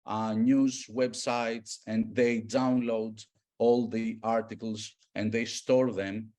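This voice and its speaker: A man from Greece, presenting a data tool in an online workshop, explaining step by step with many pauses and fillers. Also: on the low side, flat delivery, a little mellow. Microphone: video call.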